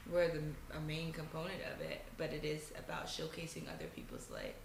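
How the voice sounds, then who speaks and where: Woman interview guest, gravelly edge, bright, enthusiastic, echoey home room. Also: low-pitched, huge pitch swings, a little fast, noisy background. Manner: enthusiastic, warmly affirming. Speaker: guest, beauty brand founder. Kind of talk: casual conversational interview.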